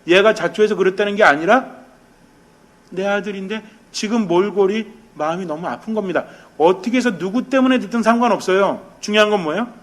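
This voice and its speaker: Lively Korean priest preaching a homily. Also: male voice, high-pitched, fairly quick. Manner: lively and conversational, questions the congregation, mimics quarrels; drops to a soft, quiet tone for meditation. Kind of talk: sermon.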